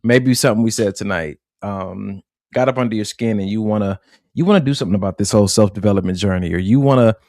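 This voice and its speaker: A man co-hosting a casual relationship podcast, speaking in a reflective, measured way and stretching words for emphasis. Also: lowish voice, darkish tone, no room sound, clean studio sound. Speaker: podcast co-host.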